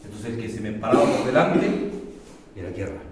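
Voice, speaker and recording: A middle-aged man with a Chilean accent, preaching a sermon as pastor, shifting from loud emphatic peaks to low confiding testimony. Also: expressive, fairly quick. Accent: Chilean Spanish. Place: church hall. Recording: echoey church hall, mic far off, faint noise.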